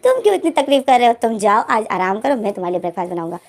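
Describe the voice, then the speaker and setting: A woman's voice: on the high side, very animated. A woman voicing a flustered, easily embarrassed young male doctor who keeps protesting and denying things, in a spoken storybook retelling. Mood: insistent. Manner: protesting, quick to deny.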